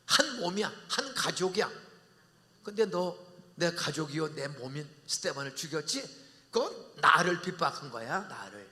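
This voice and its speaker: Give me an older male pastor with a high, forceful voice, preaching a revival sermon with blunt, joking asides and shouted bursts. He leads the congregation in call-and-response. His voice rings out through a large sanctuary with a long reverb tail. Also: big pitch swings, moderate pace. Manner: blunt colloquial banter with sudden shouted peaks. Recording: long church hall reverb.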